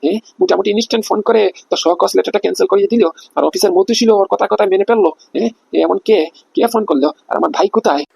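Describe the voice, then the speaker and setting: A man voicing a boastful, threatening male crime boss in a cartoon comedy, with a husky, gravelly voice. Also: high voice, very fast, darkish tone, dry recording, heavily acted. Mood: interrogating. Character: menacing male crime boss, older brother.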